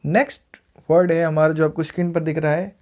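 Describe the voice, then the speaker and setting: A man with an Indian English accent, a teacher, gives a casual video lesson in pronunciation and says each word slowly and clearly more than once. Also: fairly high pitch, level tone, a little mellow. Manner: repeats words slowly and clearly for learners.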